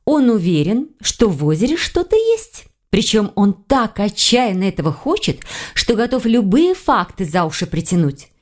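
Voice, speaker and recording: A woman voices a curious young woman in an audiobook, pitching slightly higher and sounding more animated than in her narration, at a moderate pace.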